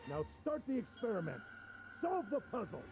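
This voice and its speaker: Streamer putting on a sneering, mocking villain. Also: male voice, extremely high pitch, wildly swooping pitch, moderate pace, darkish tone, voice pushed up, exaggerated voice, poor audio. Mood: taunting. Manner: taunting, mocking, theatrical laughter. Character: sneering cruel man running a deadly experiment. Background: game music.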